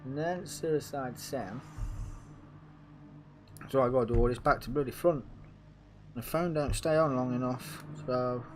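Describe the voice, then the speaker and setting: A man with a croaky, sore-throated voice, chatting casually as host of a racing league stream and talking to himself while he sets things up. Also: mid-range voice, unhurried, pauses often, faint music behind. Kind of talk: casual live-stream race commentary.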